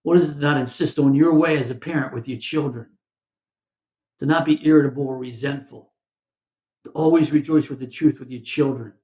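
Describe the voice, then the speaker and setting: A man giving a chaplain's devotional sermon in a conversational, halting way, often stopping to restart and acting out little quoted exchanges. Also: mid-range voice, darkish tone, roomy sound.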